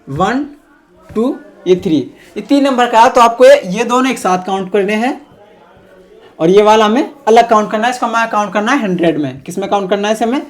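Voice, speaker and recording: A woman teaching a maths lesson step by step. She keeps checking whether students follow. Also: mid-range voice. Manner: explains step by step, often checks with "clear?". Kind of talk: classroom-style math lesson.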